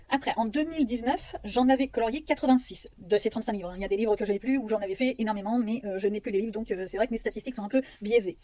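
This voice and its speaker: Brief: fast-talking woman vlogger, slightly high voice, chatty and self-deprecating. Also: mellow. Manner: chatty, self-mocking, rambling with fillers. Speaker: coloring hobby vlogger. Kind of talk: casual talk showing her books.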